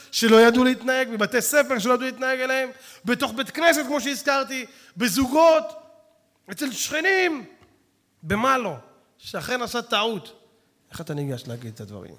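A man preaching a sermon who swings from hushed tones to shouting and addresses his listeners directly. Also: very high-pitched. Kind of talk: Torah sermon to an audience. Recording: long reverb of a hall.

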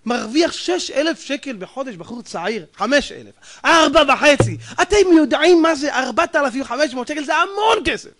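A man preaching a sermon as a rabbi, emphatic and mocking, firing rhetorical questions and swinging between loud outbursts and low muttered asides. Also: animated, hardly any pauses.

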